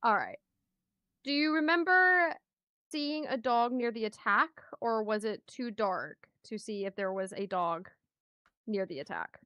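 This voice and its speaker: A woman's voice: fairly high pitch, lively intonation, measured pace, bright, forceful tone, smooth, no room sound. A woman playing the prosecutor in a mock trial, asking questions hesitantly. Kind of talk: mock trial role-play.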